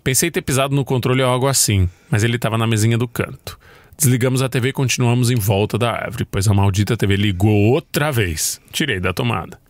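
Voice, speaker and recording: A man's voice: quick pace, no echo. A man from Brazil hosting a podcast, reading listener stories aloud with playful, jokey asides. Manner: playful, jokey asides with big pitch swings. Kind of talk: casual chat and story reading.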